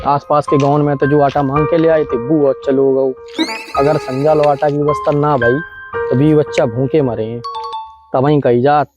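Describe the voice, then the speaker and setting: A man's voice: mid-range voice, close to an everyday voice. A man playing a wily, theatrical fake holy man in a comedy sketch, speaking rural north Indian Hindi dialect. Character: wily male fake village holy man conning villagers.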